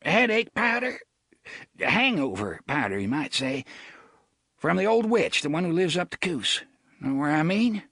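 A man voicing a fat, hungover small-town sheriff who talks in a folksy rustic dialect and scolds loudly. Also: fairly high pitch, sing-song, a little slow, vocal fry, dry recording, clean studio sound, voice pushed up, exaggerated voice.

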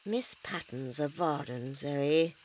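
A woman's voice: fairly low pitch, animated, a little slow, a bit bright, slight background noise. A woman reading the part of a grim, urgent male doctor in a storybook. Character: grim, brisk male doctor, older and knowing.

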